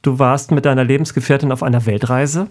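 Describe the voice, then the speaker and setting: A man's voice: medium pitch, fairly even intonation, fast talker, darkish tone. A man hosting his own podcast, introducing his guest and asking short, friendly questions. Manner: friendly, asks short questions, frequent affirming murmurs. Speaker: podcast host. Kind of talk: podcast interview.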